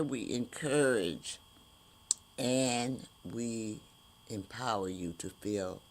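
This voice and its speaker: A woman hosting an inspirational podcast, speaking in slow, drawn-out emphatic phrases. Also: a bass voice. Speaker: host.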